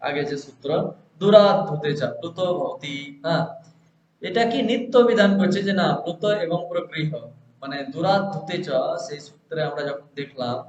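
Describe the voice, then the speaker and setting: A man with a slightly raised pitch leads a grammar lesson, posing questions and then answering them himself. The recording sounds dull and lo-fi, with a roomy echo and faint hiss underneath. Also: normal speed, a little mellow. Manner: explains step by step, asks and answers his own questions. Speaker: Sanskrit grammar teacher.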